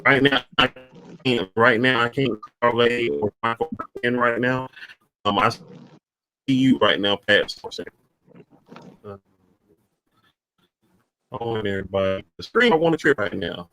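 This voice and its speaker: A man hosting a casual livestream call, talking haltingly with many fillers and restarts while he sorts out the connection. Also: medium pitch, bright, forceful tone, no room sound, poor audio. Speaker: livestream host.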